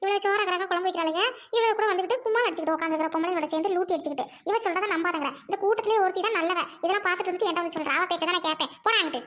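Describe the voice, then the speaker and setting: Cheeky village wife played by a woman, rattles off quarrels in a very high voice. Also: fairly bright tone. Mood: complaining. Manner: quick, chattering, teasing and quarrelsome. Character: young married village woman, gossipy and cheeky. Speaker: village wife in a comedy skit. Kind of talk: village comedy drama.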